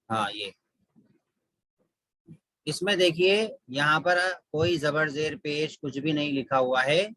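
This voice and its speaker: A man teaching a Quran reading class, patiently repeating each rule and drilling letters slowly. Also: a little high, pushed and bright, no room sound, poor audio. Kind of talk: online class instruction.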